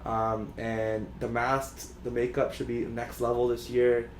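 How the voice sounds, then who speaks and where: A man's voice: mid-range voice, completely flat delivery, measured pace, slight background noise. Rambling man in an echoey room. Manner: rambling, with many fillers and restarts. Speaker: podcast co-host. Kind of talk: casual chat.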